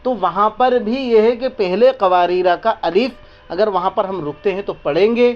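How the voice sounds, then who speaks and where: A man teaching Quran reading step by step, asking questions and repeating each word slowly for the listener. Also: sits high, lo-fi sound, faint music behind. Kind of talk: step-by-step lesson with call-and-response questions.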